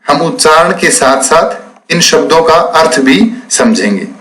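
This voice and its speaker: Slow, deliberate male teacher. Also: fairly high pitch, lively intonation, a bit bright, poor audio. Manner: slow, deliberate, spelling out words syllable by syllable. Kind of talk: classroom lesson explaining textbook exercises.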